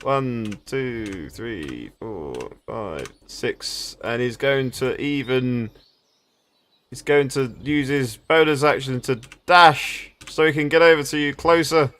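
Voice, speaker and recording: A man's voice: mid-range voice, slow pace, fairly bright tone. Man running a tabletop game. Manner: stammering restarts, chuckling asides. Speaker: game master.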